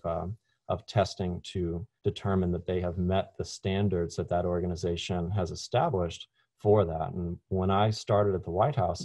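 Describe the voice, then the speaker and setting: A middle-aged man, a chef, giving a relaxed online webinar talk over a video call, with frequent ums and restarts. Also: deep voice, no echo. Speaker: chef and food science presenter. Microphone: video call webcam.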